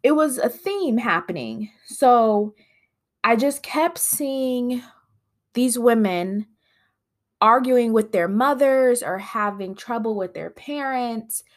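In a rambling, chatty episode of her own podcast, a woman talks with lots of fillers, her voice nasal from sinus congestion. She sounds a little high and expressive, taking it slowly.

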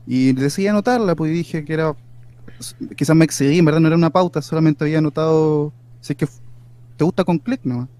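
A young man with a Chilean accent co-hosting a podcast, rambling and halting, playfully insistent. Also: a little high, mellow, dry recording. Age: young adult. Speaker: podcast co-host. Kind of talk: casual comedic chat.

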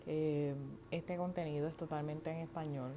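A Puerto Rican woman with a Puerto Rican Spanish accent and a low, mellow voice of fairly even intonation speaks at a moderate pace. She hosts a casual solo podcast, rambling informally with slang and some English words. It's recorded at home, with faint yard noise from outside.

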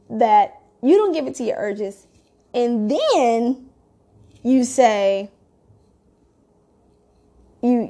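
A woman telling a story in a casual, rambling way, swearing freely. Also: a little high. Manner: profane, rambling, animated storytelling.

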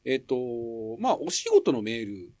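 A man's voice: mid-range voice, wildly swooping pitch, a little slow, warm tone, no echo, studio quality. A middle-aged Japanese man hosting a casual radio chat, explaining at length in a rambling way with frequent chuckles. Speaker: radio show host.

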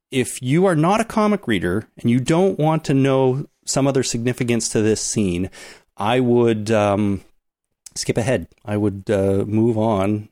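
A man's voice: fairly low pitch, darkish tone, no room sound, clean studio sound. A man co-hosting a casual podcast, explaining things at length and giving spoiler warnings. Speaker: podcast co-host.

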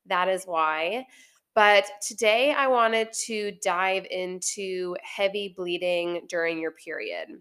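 Speaking slowly with few pauses, a woman hosts a health podcast in a friendly, casual style. She's a naturopathic doctor recovering from illness, and her slightly congested voice is medium-pitched, smooth, a bit bright, and fairly even.

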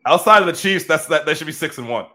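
A man co-hosting a sports podcast, talking in casual, animated, profane banter, often laughing. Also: on the high side, fast.

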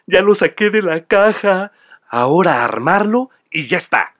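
A man's voice: sits high, expressive, moderate pace, a bit bright. A man muttering frustrated to himself in a comedy sketch. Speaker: dad in a sketch.

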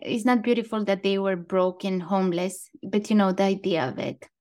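A woman's voice: mid-range voice, moderate pace, a little mellow. A woman co-hosting a casual podcast, talking in an easy chat and reading quotes aloud. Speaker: podcast co-host.

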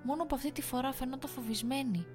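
A woman reading a first-person horror story aloud in a measured, suspenseful storytelling manner. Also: high voice, music in the background. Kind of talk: scripted horror story narration.

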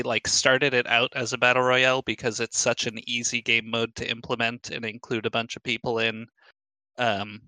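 A man's voice: medium pitch, bright, forceful tone, dry recording, rough recording. A young man co-hosting a casual podcast chat about games, rambling with frequent restarts. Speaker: podcast co-host.

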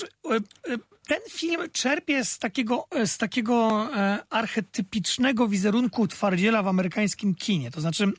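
A man's voice: sits high, no room sound. A man co-hosting a casual film review chat, talking with many hesitant fillers and restarts.

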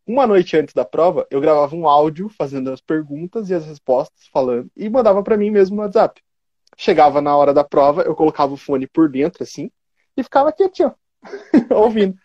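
A fast-talking young man, chatting casually and acting out quotes between laughs. His mid-pitched voice sounds dry and a little dull, as on lo-fi audio. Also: no room sound. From Curitiba, Brazil. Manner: quick, laughing storyteller who acts out quotes. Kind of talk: casual chat.

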